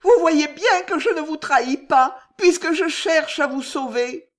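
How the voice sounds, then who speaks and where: A woman voicing a frightened young chambermaid who pleads in a trembling, high voice. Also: big pitch swings, measured pace. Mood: pleading, frightened.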